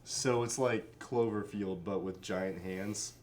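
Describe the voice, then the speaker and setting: A man's voice: fairly low pitch, takes it slowly, a little mellow, slight background noise. A man co-hosting a casual movie chat, mostly adding short remarks and questions.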